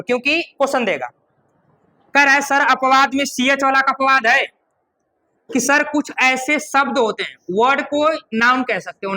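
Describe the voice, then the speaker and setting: High, bright-voiced male teacher. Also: rough recording. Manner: explains step by step, repeats words, checks understanding. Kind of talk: classroom grammar lesson.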